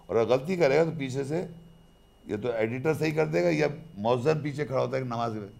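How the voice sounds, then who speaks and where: Gravelly male Quran lecturer. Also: medium pitch, a little mellow. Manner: explanatory, mixes English terms, recites verses slowly. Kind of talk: religious lecture with recited verses.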